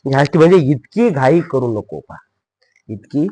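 A man teaching spoken English, who says each phrase slowly and repeats it. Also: mid-range voice, animated, dark tone, poor audio.

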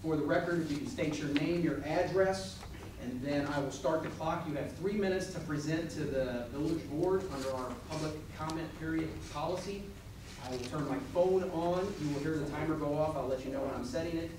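A man's voice: a little high, a little fast. An American man acting as board president, running a formal meeting in a procedural, matter-of-fact way. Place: village board meeting room, indoors. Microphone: far camera from audience. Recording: distant mic, very echoey noisy meeting room.

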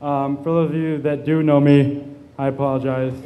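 A man in his twenties giving an informal wedding toast from notes in a halting, nervous way, with hesitations and broken-off phrases. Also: mid-range voice, little pitch movement, phone-quality sound. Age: 20s. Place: indoor wedding reception with seated guests. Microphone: microphone on a stand, sometimes handheld. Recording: background noise in reception hall.

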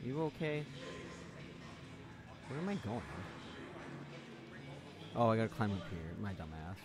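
A man giving casual gameplay commentary, swearing a lot, talking to the game's characters and yelling when startled. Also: medium pitch, lively intonation, measured pace, music in the background. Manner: jumpy, yells when startled. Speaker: let's play host.

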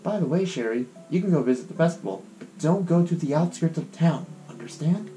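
A man voicing a kindly old grandmother who runs a shop in a game, speaking slowly and softly. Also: on the high side, expressive, close to an everyday voice. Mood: gentle. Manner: slow, soft old-lady delivery. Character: kindly old grandma shopkeeper, gentle and homely. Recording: guitar music playing behind.

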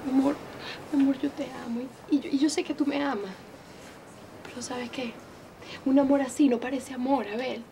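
A woman's voice: high-pitched, fairly even intonation, normal speed, long pauses, noisy background. An actress with a Venezuelan accent playing a heartbroken young woman who reproaches her lover with slang, in a telenovela. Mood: hurt. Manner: hurt, reproachful, speaks in slang. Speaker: Cira. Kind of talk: telenovela acting.

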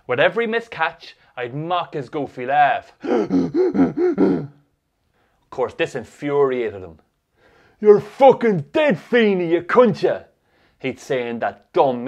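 An Irish man giving a wry, profane voice-over narration for a short film. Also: on the high side.

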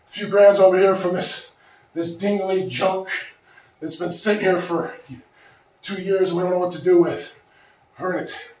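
A man's voice: high voice, darkish tone, recorded from a distance. Breathless man in an echoey room. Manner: rambling, breathless after lifting, clears throat often. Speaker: fitness vlogger. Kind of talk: casual talk to camera. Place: small home gym room. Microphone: far camera.

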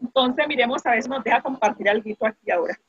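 A woman's voice: on the high side, quick pace, husky, no echo. A woman with a Colombian accent, a primary school teacher running an online class, chatty and fond of diminutives. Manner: chatty, uses diminutives, restarts often. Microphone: video call. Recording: dull, dry video-call audio.

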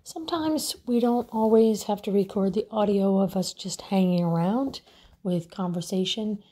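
A woman's voice: medium pitch, normal speed, warm tone. A middle-aged woman chatting casually in a travel vlog outdoors on a farm, recorded on a handheld camera mic. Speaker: travel vlogger.

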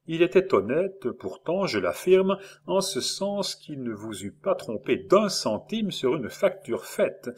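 A man reading a classic novel aloud as audiobook narration, with an expressive, dramatic delivery. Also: mid-range voice, breathy edge. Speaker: audiobook reader.

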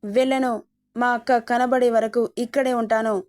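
A woman's voice: on the high side, level tone, moderate pace, darkish tone, natural voice. A woman voicing a stubborn, protective young brother. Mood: determined. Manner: firm, determined.

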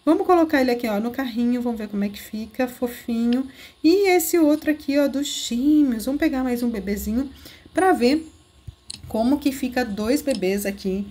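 High-voiced, gushing Brazilian woman. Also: moderate pace, warm tone. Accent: Brazilian Portuguese. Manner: gushing, giggly, coos over cute things. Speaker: game video host. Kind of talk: excited gameplay walkthrough.

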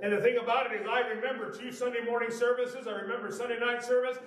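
A middle-aged man preaching a revival sermon from a church pulpit, building to shouts and mixing in playful asides. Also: very high voice, little pitch movement, fast. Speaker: pastor. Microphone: far camera at the back of the sanctuary. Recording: echoey church from far off.

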